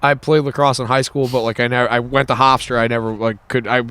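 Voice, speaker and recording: A man's voice: mid-range voice, little pitch movement, quick pace, a bit bright, smooth, no echo. A young man co-hosting a podcast, telling a long story in casual chat, rambling with many filler words and casual swearing. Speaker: podcast co-host.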